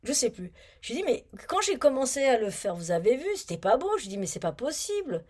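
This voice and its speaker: A chatty woman talking through her knitting projects in a relaxed vlog, her voice sitting a little high. She rambles, mutters to herself while searching for her things, and grumbles when something annoys her. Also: a little fast. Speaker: knitting vlogger. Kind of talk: casual knitting vlog chat.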